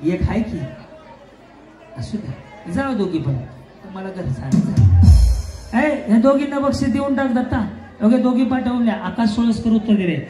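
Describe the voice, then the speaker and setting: A man hosting a quiz for women at a festival event, loud and teasing, scolding noisy people in the crowd through a stage mic. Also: very high-pitched, expressive, moderate pace. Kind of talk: live event emceeing over a PA. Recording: echoey PA with music and crowd.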